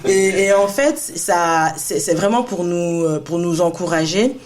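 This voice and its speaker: Speaking at a measured pace, this thirties-aged podcast co-host has a fairly low voice with a darkish tone. On her faith podcast she's casual, earnest and encouraging, with plenty of laughter and restarts.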